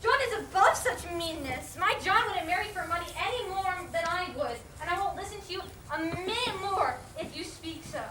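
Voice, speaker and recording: Actress as earnest, proud young woman, very high voice, polite but spirited, period drama, distant amid loud background noise. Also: moderate pace, lightly acted. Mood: indignant, proud. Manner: earnest, hesitant then spirited. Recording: very noisy echoey room, distant mic.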